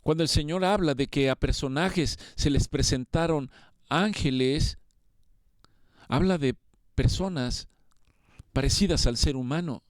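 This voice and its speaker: Earnest preacher with a clear voice. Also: male voice, on the high side, measured pace, pauses often, no room sound, studio quality. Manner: earnest, rising to emphatic appeals. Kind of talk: sermon.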